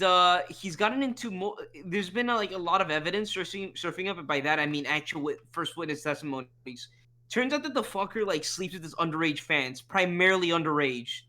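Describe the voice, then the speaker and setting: A podcast co-host rambling in casual chat, profane, with many fillers and restarts. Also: male voice, a little high, bright, forceful tone.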